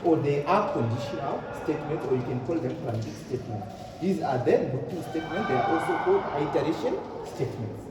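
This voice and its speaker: A man's voice: fairly high pitch, expressive, fairly quick, few pauses. A man teaching a programming class, repeating points and asking fill-in questions. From Zimbabwe. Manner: repetitive, asks rhetorical fill-in questions. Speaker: programming lecturer. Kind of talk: classroom lecture. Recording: echoey room, distant mic, noisy.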